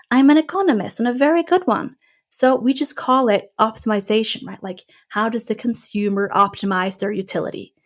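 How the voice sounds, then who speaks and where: With a fairly high-pitched voice, the Norwegian money coach chats as a podcast guest in a casual interview. She stays lively and playful, frequently acting out small scenes.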